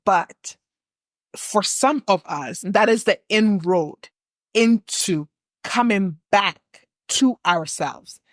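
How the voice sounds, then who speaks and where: A young West African woman co-hosts a reflective podcast, speaking slowly in an animated, medium-pitched voice. The sound has no echo. She builds her points in long, earnest stretches.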